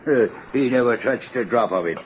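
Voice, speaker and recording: An actor playing a gruff, older retired sea captain, hospitable but evasive, in an old radio drama. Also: male voice, medium pitch, moderate pace, close to an everyday voice. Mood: hearty, hospitable. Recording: muffled, noisy old radio recording.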